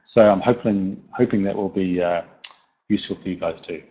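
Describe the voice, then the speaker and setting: Here a husky, low-pitched man with a dark tone talks at normal speed. He is a software developer presenting technical material informally in a broad New Zealand accent, with frequent hesitations and repeated words, recorded as dull, lo-fi online audio.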